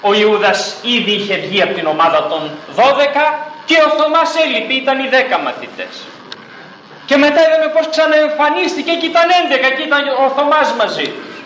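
A male preacher delivers a sermon in a strikingly high voice, pausing to put rhetorical questions to his listeners. The room adds a clear echo. A faint hum of ambient noise sits underneath. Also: a bit bright.

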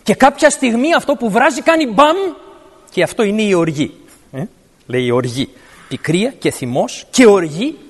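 A man's voice: high-pitched, big pitch swings. A man preaching a sermon, explaining scripture word by word and verse by verse. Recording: long reverb of a large hall.

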